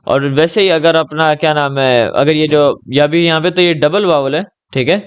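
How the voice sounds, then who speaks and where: A man giving a patient one-on-one Arabic lesson over a video call, gently reassuring and checking in often. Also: fairly high pitch, steady tone, smooth. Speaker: Arabic tutor.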